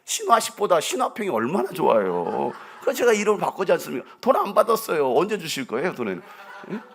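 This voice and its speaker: A man's voice: a little high, very animated, fast talker, vocal fry, a bit bright. A man preaching a sermon as pastor, acting out quoted lines and joking with the congregation. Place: church sanctuary.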